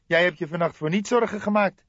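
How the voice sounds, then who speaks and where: Narrator voicing a sarcastic young sidekick detective, high and sneering, muffled recording. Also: male voice, a little fast, fairly bright tone, no room sound.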